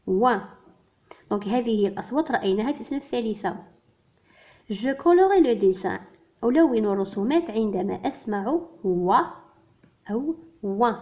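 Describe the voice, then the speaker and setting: A woman teaching a primary school French workbook lesson, switching between French and Arabic and saying each French word slowly and carefully. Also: mid-range voice, a little mellow. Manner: slow, careful enunciation of French words. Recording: dull lo-fi recording.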